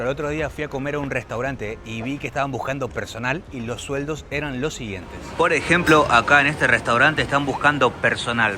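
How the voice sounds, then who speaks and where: A young man with an Argentine accent chats to his viewers as he strolls through a city. His voice sits at an ordinary middle pitch, and clear traffic and street noise run behind him on the camera mic. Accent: Argentine Spanish. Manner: chatty, addresses viewers directly as friends. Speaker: travel vlogger. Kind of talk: casual walking travel vlog. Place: outdoors on busy city streets.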